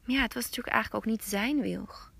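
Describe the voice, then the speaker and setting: A woman podcast host telling a folk tale slowly, often dropping to a hush. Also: on the high side, creaky, husky. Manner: slow, hushed, often whispering. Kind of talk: storytelling narration.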